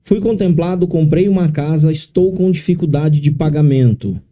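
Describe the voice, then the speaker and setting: Dark-voiced man from São Paulo. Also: fairly high pitch, moderate pace. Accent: São Paulo Portuguese. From São Paulo, Brazil. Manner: explains step by step, often adding tag questions. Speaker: consórcio specialist guest. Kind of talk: explanatory podcast interview.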